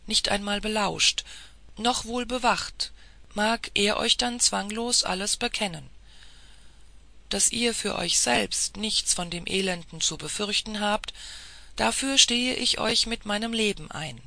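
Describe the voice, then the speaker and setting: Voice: mid-range voice, unhurried, vocal fry, pushed and bright, dry recording. A reader voicing a persuasive old-world police official. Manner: formal, insistent persuasion.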